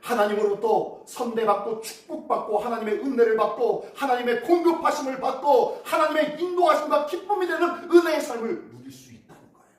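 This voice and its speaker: A man's voice: extremely high pitch, animated, fairly quick, roomy sound, far from the mic. A man pastor preaching a dawn devotional, asking rhetorical questions with an emphatic preaching cadence, then leading a prayer.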